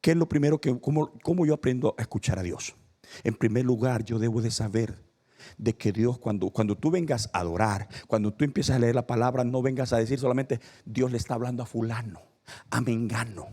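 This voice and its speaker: A man pastor preaching a sermon with passion, swinging from loud cries to hushed low phrases and calling out questions to the congregation. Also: fairly quick.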